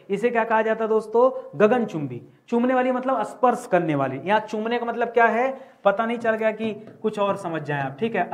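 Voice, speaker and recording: A man teaching a grammar class, asking each answer back to his students and repeating it. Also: high-pitched. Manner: repeats each word as a question to the class, addresses students as friends. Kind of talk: classroom lesson at a board.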